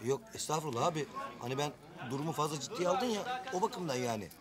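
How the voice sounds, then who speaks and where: An actor as a grumbling joking young conscript. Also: male voice, a little high, lively intonation, fast, a crowd in the background, natural voice. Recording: film soundtrack with music. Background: music score.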